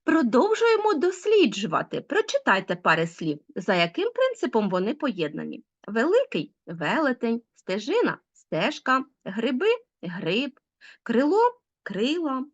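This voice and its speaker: A woman teacher giving an online school lesson, explaining rules with lively, rising emphasis. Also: fairly high pitch, moderate pace. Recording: dull lo-fi sound.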